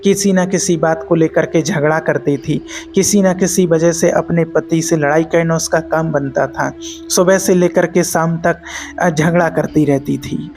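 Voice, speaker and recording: A man giving a spiritual discourse, telling a moral story in a measured, repetitive way. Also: a little high, fairly even intonation, darkish tone, soft background music. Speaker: spiritual preacher.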